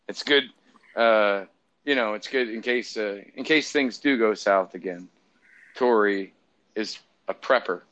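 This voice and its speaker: A man in casual chat, making wry jokes in a slow, drawn-out delivery. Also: fairly low pitch, fairly bright tone, no echo. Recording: dull, dry lo-fi sound.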